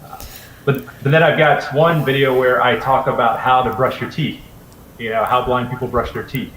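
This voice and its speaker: An easygoing man in his forties tells stories as an interview guest, his talk loose and full of fillers. His voice sits at a middle pitch and rings around a roomy space. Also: fairly even intonation, normal speed, fairly bright tone, slight background noise. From Raleigh, North Carolina. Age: 40s. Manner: easygoing storyteller, frequent fillers. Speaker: interview guest, video creator. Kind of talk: casual interview chat.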